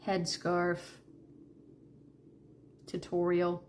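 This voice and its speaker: A woman's voice: fairly low pitch, monotone, very slow, darkish tone. A woman live streamer chatting casually and muttering to herself in short fragments as she reacts to videos. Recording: faint background room noise.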